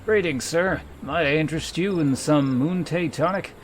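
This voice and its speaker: A man's voice: on the high side, moderate pace, slight background noise, voice pushed up, lightly acted. A man voicing a cheery, oily tonic merchant in a video game, with an exaggerated, suggestive sales manner. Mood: oily, eager. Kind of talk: character voice in a game read-aloud.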